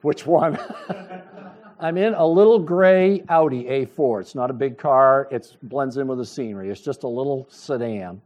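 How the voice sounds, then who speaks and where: A middle-aged man preaching a sermon, telling a personal story with lively storytelling and acted-out dialogue. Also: medium pitch, measured pace. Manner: animated storytelling, acts out dialogue, chuckles. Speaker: pastor.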